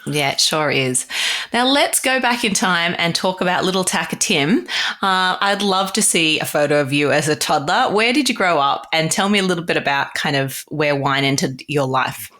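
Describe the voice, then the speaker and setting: A woman's voice: low voice, animated, normal speed, sharp tone. A woman with an Australian accent hosting a podcast interview, asking questions in a friendly, conversational way. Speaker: podcast host.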